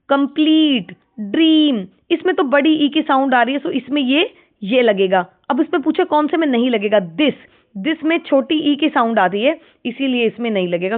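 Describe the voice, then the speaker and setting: A woman teacher goes through exam questions one by one. She reads each English question slowly and deliberately, then explains it at a brisk pace. Her fairly high voice comes through a thin, tinny phone-like recording.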